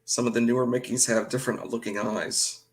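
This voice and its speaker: A man's voice: mid-range voice, level tone, brisk. A man in easygoing casual chat who mostly agrees and hedges his opinions.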